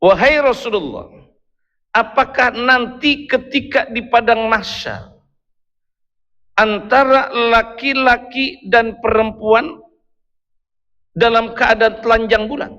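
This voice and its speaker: A man's voice: very high voice, takes it slowly, pauses often, bright, forceful tone. A male preacher giving a sermon, telling a story with playful asides to his listeners. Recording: dull, echoey hall recording.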